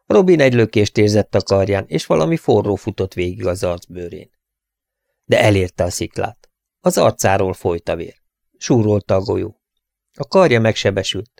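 A man narrates an adventure novel with brisk, dramatic pacing in a low, steady voice. He sits close to the mic, and the sound is dry with no room echo. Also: creaky. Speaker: audiobook narrator.

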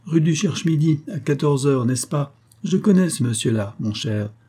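A man's voice: fairly high pitch, expressive, normal speed, dark tone, husky, voice pushed up. A man reading an audiobook voices a skeptical, mocking male journalist who is ill and worn. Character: sick, sardonic male journalist friend.

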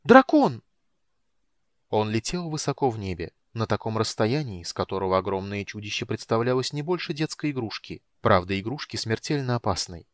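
Brief: male narrator for a fantasy audiobook, low voice, dry close studio sound, steady and measured. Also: no room sound.

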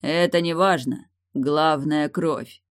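A strict middle-aged nobleman speaks slowly and coldly, in curt, measured orders, as a woman narrator plays him. The voice sits low and close to the mic, in a dry room. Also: no echo. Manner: cold, clipped, measured. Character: stern middle-aged male marquis, cold and curt.

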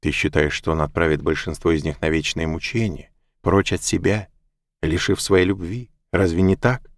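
A man voicing a calm, gentle wise woman in an audiobook, quiet and patiently insistent. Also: deep voice, normal speed, no echo, clean studio sound, close to an everyday voice. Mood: probing. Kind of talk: audiobook narration.

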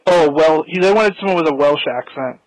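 A man's voice: on the high side, fairly quick, low-quality recording. A man hosting a casual podcast, chatting about a show while watching it and laughing at his own jokes. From United States. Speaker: podcast host.

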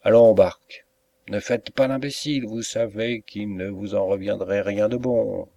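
A man's voice: fairly low pitch, moderate pace, creaky, no room sound. A man reading a firm, unruffled police inspector. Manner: steady, commanding. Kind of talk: audiobook reading.

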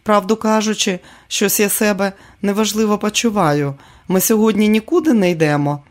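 A man's voice: high-pitched, normal speed, voice pushed up, lightly acted. A male audiobook reader voicing a tired, wry aging comedian speaking to his wife. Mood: weary. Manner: weary, wry. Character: tired aging man, famous comedian, joking husband. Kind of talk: audiobook character reading.

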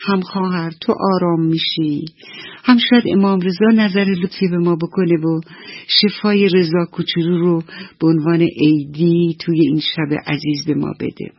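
A woman's voice: lowish voice, steady tone, slightly rough, no room sound. A woman storyteller voicing a hopeful, devout aunt who urges the family on eagerly. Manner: eager, encouraging. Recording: dull dry old radio recording.

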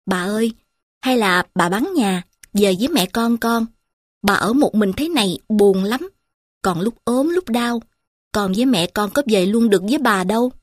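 A woman voicing a wistful, homesick teenage girl from the city who speaks quietly. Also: medium pitch, expressive, normal speed, dry recording, studio quality, natural voice. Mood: wistful, subdued. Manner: quiet and subdued.

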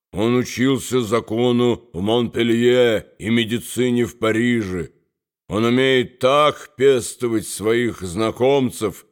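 Male audiobook reader, very slow, steady delivery, mid-pitched voice, even storytelling. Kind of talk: audiobook narration.

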